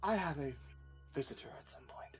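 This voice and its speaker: A cold queen of dragon blood, clipped and dismissive, voiced by a man close to his own voice. Her orders come short and quiet. Faint music plays underneath. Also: on the high side, expressive, fairly quick, lightly acted.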